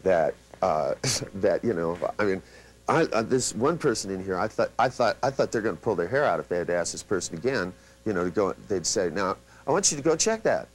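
Lively, animated male seminar trainer. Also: low voice, brisk, low-quality recording. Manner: animated storyteller who acts out quotes; many restarts and asides. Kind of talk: live seminar lecture.

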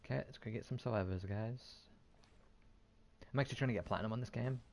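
This gaming video host talks fast at a medium pitch, his voice a little mellow. He gives casual, sweary commentary on his gameplay and often mutters to himself. The game's sounds come through clearly in the background.

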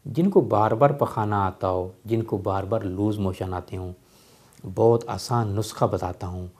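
A man who is an herbal medicine practitioner, from Pakistan, giving health remedy advice in a steady instructive way with repeated phrases. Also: fairly low pitch.

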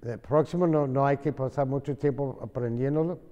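A man's voice: medium pitch, normal speed, dark tone, big-room sound, highs cut off. A man teaching English to a class in Spanish, explaining patiently and mixing in English examples.

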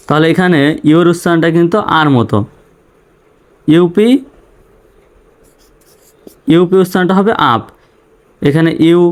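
A man with a Bangladeshi accent teaching English phonics, spelling out letters and then sounding each word in slow, patient drills. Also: fairly high pitch.

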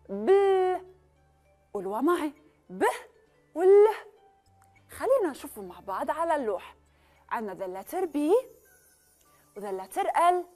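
A young woman with a Levantine Arabic accent teaching children English, slowly drawing out letters and words. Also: high-pitched. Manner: lively, drawn-out teacherly pronunciation. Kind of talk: children's language lesson.

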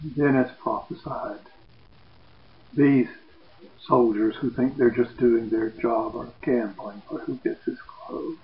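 A man preaching, retelling a scripture story slowly and dramatically. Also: mid-range voice. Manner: slow, dramatic retelling, lively quoted voices. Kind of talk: sermon narration of scripture. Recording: echoey, dull sound.

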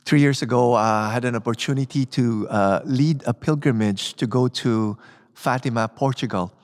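A man's voice: medium pitch, normal speed. A middle-aged man speaking as a priest from a church lectern, with cathedral echo around his voice. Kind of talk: Gospel reading and homily from the lectern. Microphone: gooseneck lectern microphone.

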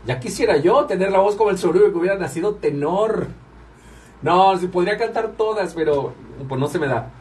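A man's voice: high voice, lively intonation, a little fast, darkish tone, recorded from a distance. A man hosting a live stream, chatting casually with viewers while he runs the music. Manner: chatty, talks to viewers while working the controls. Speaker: radio and livestream host.

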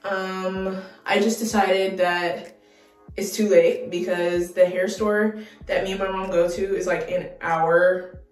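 Young woman vlogger, unhurried and excitable, recorded a bit off-mic in a room with faint music behind. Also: medium pitch, recorded from a distance. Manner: excitable, dramatic exclamations. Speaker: beauty vlogger. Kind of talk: casual vlog chat. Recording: roomy, mic set back, faint music.

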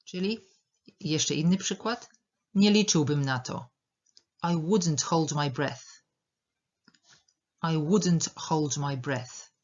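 A woman leads an English lesson, going word by word and saying each one twice. Her voice is a little husky and she speaks slowly. The recording sounds dull and lo-fi. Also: deep voice, darkish tone. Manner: slow, careful, repeats words for pronunciation. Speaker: English teacher. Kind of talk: language lesson.

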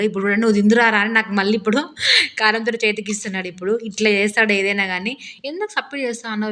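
A hoarse woman narrating her cooking vlog in a chatty, rambling voice-over. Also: mid-range voice, pushed and bright. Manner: rambling, talkative, complains with humor. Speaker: cooking vlogger.

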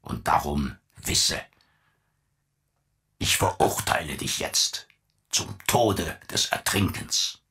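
Brief: a raging, contemptuous old patriarch, put on by a male audiobook reader, low and heavy. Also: animated, takes it slowly, creaky, pauses often, full character voice. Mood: condemning. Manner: contemptuous, bursts into shouting rants. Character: domineering old father, scornful and raging.

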